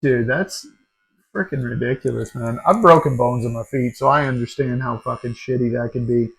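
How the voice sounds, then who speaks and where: A podcast host in his forties tells animated stories in casual chat, swearing freely and saying "dude" a lot. His mid-range voice is gravelly and moves at a moderate pace, and the recording quality is low.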